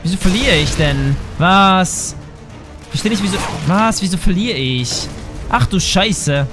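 A man's voice: high-pitched, animated, measured pace, music in the background. A man commentating his own shooter game in a casual, frustrated way, swearing and thinking aloud. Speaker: gaming commentator. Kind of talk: casual let's play commentary. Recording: game gunfire behind the voice. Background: game gunfire and sound effects.

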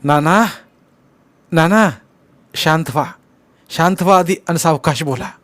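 A man's voice: fairly high pitch, steady tone, moderate pace, no echo, pitched above the performer's own voice, lightly acted. Male narrator doing an anxious young man, urgent and soothing, slightly raised voice. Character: young man, anxious son calming elder.

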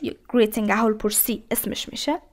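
A woman gives an English lesson in a notably high voice. She reads each English phrase slowly and carefully, then explains what it means. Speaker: English teacher. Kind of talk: language lesson.

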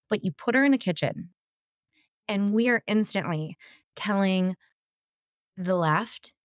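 Woman podcast co-host, chatty political talk, kinda low voice, very dry mic. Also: no echo. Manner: conversational, quick asides and restarts. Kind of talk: casual political chat.

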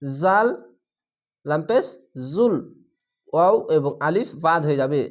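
A man teaching Quran reading, slowly spelling out each word syllable by syllable. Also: a little high, lively intonation. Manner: slow, drawn-out syllable-by-syllable spelling of Arabic words. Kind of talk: spelling-out recitation lesson.

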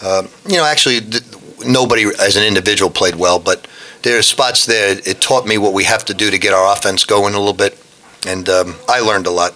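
A head basketball coach in his sixties answers reporters at a post-game press conference in a press room before a backdrop, using a desk microphone. His voice is lowish, bright and forceful, a little fast, and he's blunt and frank, restarting sentences often.

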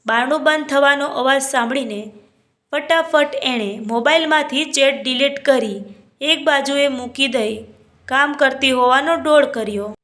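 A woman with a high voice tells a story as a storyteller. She reads it as scripted narration. She speaks every character's lines in her own voice without putting on voices. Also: a little slow, a bit bright.

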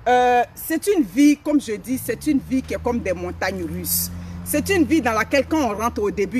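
Captured by a phone camera a few steps off, with a little hiss or hum, this middle-aged woman from Africa delivers a motivational live stream in a forest. Her voice sits on the high side, and she speaks emphatically, repeating herself.

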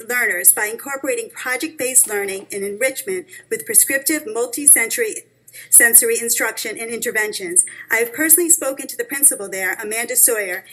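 A woman's voice: fairly high pitch, sharp tone, poor audio. A woman in her thirties, a parent reading a prepared statement at a school board meeting with earnest urgency into a table microphone. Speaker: parent speaking at public comment.

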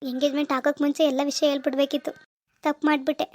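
A woman's voice: sits high, flat delivery, racing, a little mellow, dry recording, lightly acted. A woman voicing a worried, regretful young husband in a cartoon. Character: remorseful young husband Satish.

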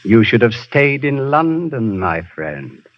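An actor in a 1930s radio play voicing a suave, sinister male professor who runs a spy ring, with a smooth, menacing manner. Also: mid-range voice, sing-song, takes it slowly. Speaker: villain. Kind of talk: 1930s radio drama acting. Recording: dull 1930s radio broadcast.

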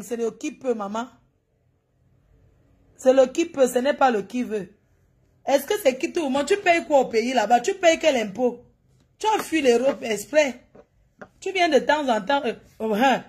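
A woman's voice: sits high, animated, measured pace, pauses often, darkish tone, breathy edge. A woman hosts a gossip channel. She gives mocking commentary over a video and scolds and teases the person on screen directly. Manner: scolding, teasing, talks straight at the person on screen.

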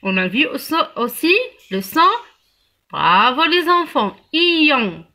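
Woman reading teacher, very slow and sing-songy, high bright voice, spells everything out. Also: sing-song. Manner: slow, spells out letters and syllables, praises the class. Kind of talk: early reading lesson for young children.

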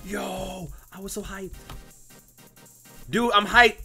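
A man doing let's play commentary, excitable and yelling at the game. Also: high-pitched, takes it slowly, gravelly, husky, soft background music. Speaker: gamer.

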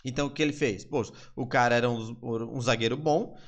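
A man with a Brazilian Portuguese accent leads a live online English lesson. He explains each phrase in an ordinary mid-range voice and repeats the English lines slowly for his students. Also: medium pitch, steady tone. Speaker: English teacher.

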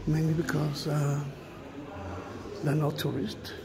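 A middle-aged man giving an unhurried walking tour of a large stone church, musing aloud and often dropping to a hushed whisper. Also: on the high side, completely flat delivery, a crowd in the background. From Israel. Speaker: tour guide. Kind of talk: walking video tour narration.

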